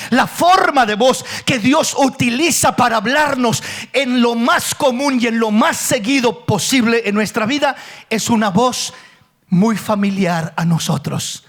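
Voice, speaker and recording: High-voiced pastor preaching a sermon. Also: male voice, a bit bright. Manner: preaching with questions and acted quotes.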